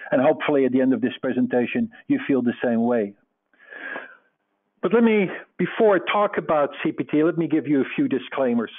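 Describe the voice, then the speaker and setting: A man's voice: mid-range voice, brisk, breathy edge. A middle-aged man from the Netherlands with a Dutch accent, giving an earnest, explanatory webinar lecture with frequent fillers. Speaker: presenter. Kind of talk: webinar lecture over slides. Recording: tinny phone-like webinar audio.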